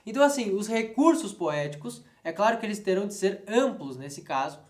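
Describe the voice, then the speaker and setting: A man's voice: high-pitched, expressive, a little fast. A man with a Brazilian Portuguese accent giving an online classics lesson, explaining patiently with frequent "né?" and "tá?" and reading verses aloud in a rhythmic chant. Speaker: classics teacher.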